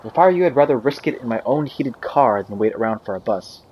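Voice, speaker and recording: A man reading game dialogue aloud as a sarcastic mother talking to her daughter on the phone, quiet and teasing. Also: medium pitch, animated, quick pace, slightly rough, lo-fi sound.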